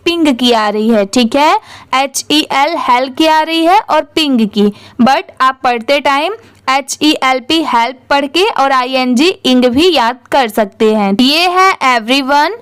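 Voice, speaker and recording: A woman's voice: high-pitched, fairly bright tone, no room sound. A woman teaching English reading as a lesson in Hindi, spelling out each word letter by letter, then asking how it is read and answering herself.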